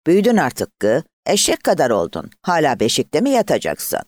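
A man's voice: a little high, wildly swooping pitch, moderate pace, no room sound, voice pushed up. A man doing a tender young village father.

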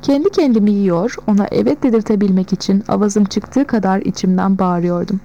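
A woman narrating a novel in the first person, in a measured storytelling manner. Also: mid-range voice, warm tone, muffled recording. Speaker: audiobook narrator.

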